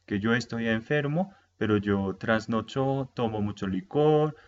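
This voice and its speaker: A man teaching a language lesson in a casual video, slowly repeating words for learners to say after him. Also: medium pitch, lo-fi sound.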